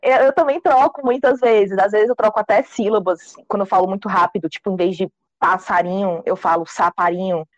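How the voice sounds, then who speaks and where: A young woman leads a relaxed group chat, spinning funny family anecdotes and laughing along. Her voice sits at a middle pitch. The sound is dry and a little dull, as on a lo-fi mic. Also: a little fast, no echo. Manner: chatty, laughs while telling stories. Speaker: host.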